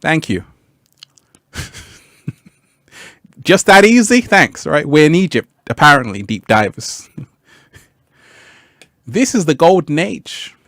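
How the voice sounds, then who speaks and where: Male livestream host, unhurried and easygoing, repeats lines, dry close mic. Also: a little high, sing-song, fairly bright tone, no room sound. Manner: laid-back, laughs often, repeats phrases, sudden whoops. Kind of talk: live stream chat, reading comments.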